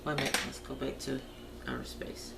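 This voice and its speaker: She runs a colouring tutorial vlog, chatting casually and thinking out loud in a folksy, informal style while colouring. Her bass voice is gravelly, very animated and brisk, heard through a distant home camera mic that picks up a roomy, noisy room.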